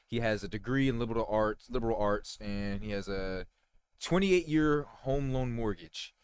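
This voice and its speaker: Here a reaction video host, a man in his thirties, offers casual, wandering commentary directly to his audience, full of filler words and swearing, and he keeps saying "you guys." He has a smooth voice pitched fairly low and talks at normal speed.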